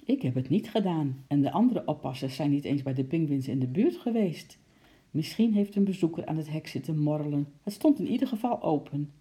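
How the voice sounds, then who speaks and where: A woman's voice: low-pitched, animated, a little fast, warm tone. A woman voicing a young male zookeeper who is out of breath with news. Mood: urgent.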